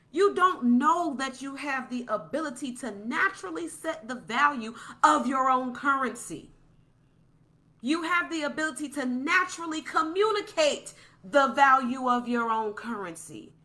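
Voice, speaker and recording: A woman's voice: sits high, pushed and bright. A woman delivering a passionate, preachy podcast monologue, repeating points for emphasis.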